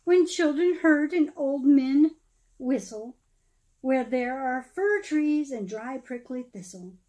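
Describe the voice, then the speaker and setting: Reading an expressive rhyming storybook to children, a middle-aged pastor uses a strikingly high, warm voice. She pauses deliberately between phrases and speaks with dramatic emphasis, addressing her young audience directly. The recording is rough.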